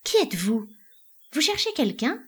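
A woman's voice: mid-range voice, normal speed, lightly acted. A woman voicing an anguished married woman in a dramatic play reading, pleading with panicked outbursts. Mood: terrified.

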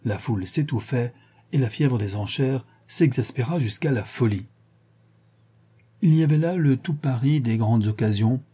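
A man narrating a classic novel in a measured storytelling manner. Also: mid-range voice, warm tone, slightly rough. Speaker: audiobook narrator.

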